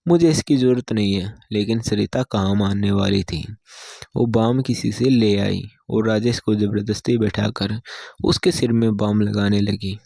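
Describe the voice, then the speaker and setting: Male storyteller, low pitch, gravelly, steady measured reading. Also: no room sound, clean studio sound. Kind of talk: scripted story narration.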